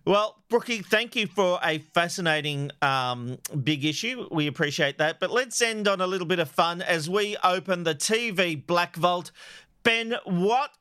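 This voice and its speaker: A man's voice: high voice, animated, measured pace, bright, forceful tone, clear, resonant tone, no echo, clean studio sound. A man hosting a media panel show, moving between chat and presenting to the listeners. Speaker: podcast host.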